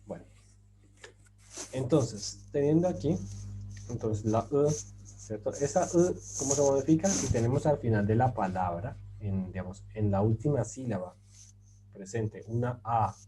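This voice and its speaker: A man in a relaxed, mellow register walks through a grammar lesson, stopping often to check that his listeners follow. His explanations are patient and full of small pauses and fillers. A faint background noise stays under the voice. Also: mid-range voice, low-quality recording. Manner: patient, rhetorical questions, many fillers. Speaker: language teacher.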